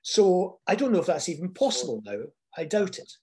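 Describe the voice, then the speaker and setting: An older man Scotland, telling personal stories reflectively in a hesitant, pausing way. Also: sits high, big pitch swings, a crowd in the background.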